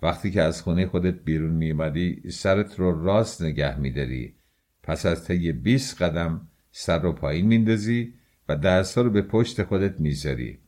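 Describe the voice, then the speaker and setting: A male audiobook reader voicing a sly, worldly middle-aged man who speaks in a calm, insinuating, lecturing way. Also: low voice, lightly acted.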